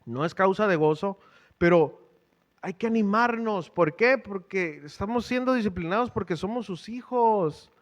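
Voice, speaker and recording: Brief: middle-aged male preacher, chatty sermon delivery, fairly high voice. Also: moderate pace. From Mexico. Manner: conversational preaching, quizzes the congregation with rhetorical questions. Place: church.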